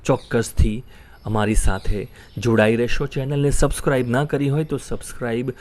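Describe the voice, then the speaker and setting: A man teaching English pronunciation, repeating each word slowly so learners can say it after him. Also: medium pitch, steady tone, darkish tone. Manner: slow, repeats words for learners to echo. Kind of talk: spoken English lesson.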